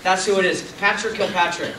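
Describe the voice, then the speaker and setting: A middle-aged man with a high, fairly even voice talks fairly quickly while answering fan questions on a convention panel in a large hall. He's chatty and rambling with self-mocking asides, and the recording is echoey, noisy, and taped from far off.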